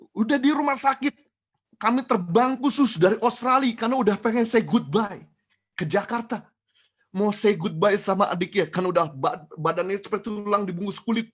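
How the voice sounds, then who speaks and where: A middle-aged man, a pastor, tells a testimony in a sermon, swinging from high, loud bursts to low, quiet lines as he speaks to the congregation. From Indonesia. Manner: addresses the congregation directly.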